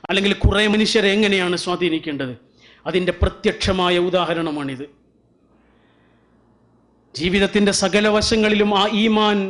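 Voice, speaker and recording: A man preacher telling religious stories in an emotive sermon, repeating phrases for emphasis. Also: high-pitched. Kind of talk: emotive religious storytelling speech.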